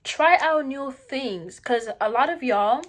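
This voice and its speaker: A young woman with a somewhat high voice talks casually to her viewers during an eating vlog. Her delivery is slangy and emphatic. She often repeats a phrase to press her point. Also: expressive, slow pace, a bit bright. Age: young adult. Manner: eats between points during a mukbang. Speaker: vlogger. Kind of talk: casual opinion monologue to viewers while eating.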